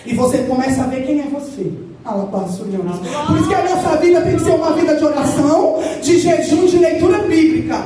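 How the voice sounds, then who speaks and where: High-voiced woman preaching in an echoey church. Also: a little fast, far from the mic, crowd noise. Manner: lively, joking, acts out little voices. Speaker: pastor. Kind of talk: conversational sermon. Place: large church hall at the altar.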